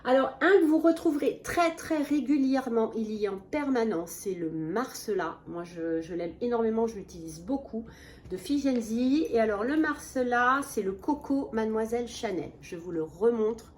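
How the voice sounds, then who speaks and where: A woman's voice: on the high side, expressive, normal speed, darkish tone, slight background noise. A woman chatting casually to her viewers in a product review vlog, enthusiastic and full of fillers and restarts, seated at a small table. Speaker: beauty vlogger. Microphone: camera mic at a small table.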